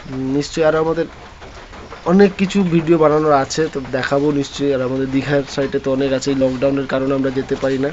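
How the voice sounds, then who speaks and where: A man's voice: medium pitch, level tone, quick pace, darkish tone. A man chatting casually in a home vlog, rambling with many restarts. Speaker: vlogger. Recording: dull lo-fi phone audio with faint noise.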